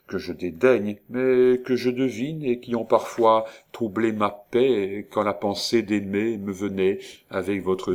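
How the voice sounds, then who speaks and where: A man's voice: on the low side, close to an everyday voice. A man doing a haughty, proud noblewoman. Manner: haughty, impassioned. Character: proud defiant young noblewoman.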